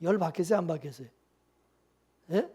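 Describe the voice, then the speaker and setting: A man's voice: a little high, animated, a little fast, mellow, breathy edge. A man preaching a sermon as the pastor, in a loose conversational way, constantly throwing questions back at the congregation. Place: church.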